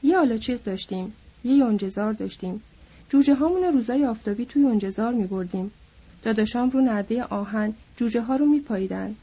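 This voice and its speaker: A woman's voice: a little high, lively intonation, mellow, slightly rough, dull audio. A woman voicing a bitter, lonely older male stable hand who needles and then broods, in an audiobook. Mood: mournful.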